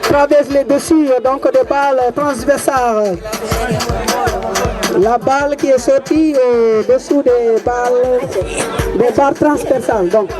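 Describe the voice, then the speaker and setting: A man with a Senegalese accent co-commentating a live amateur football match in a halting way, often restating himself. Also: very high-pitched, steady tone. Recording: music under the voice.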